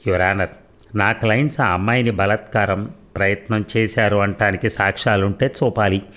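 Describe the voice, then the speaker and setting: A man reading a forceful defense lawyer. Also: lowish voice, fairly even intonation, fairly quick, natural voice. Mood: arguing. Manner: arguing, emphatic.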